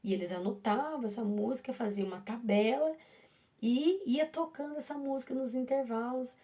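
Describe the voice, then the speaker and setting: Chatty Brazilian teacher, mellow voice. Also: female voice, fairly high pitch, normal speed. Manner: chatty, full of restarts and "né?" asides to viewers. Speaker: primary school teacher. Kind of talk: casual personal storytelling.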